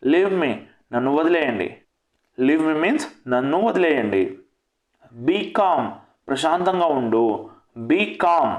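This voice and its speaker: A man teaching spoken English, saying each short English phrase, giving its meaning and repeating it. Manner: lifts his pitch on the English phrases. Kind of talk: language lesson with repetition. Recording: echoey room.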